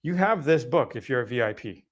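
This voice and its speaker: A man's voice: medium pitch, expressive, fairly quick. A middle-aged man hosting a casual live Q&A, answering viewer questions in a loose, conversational way with fillers and self-corrections.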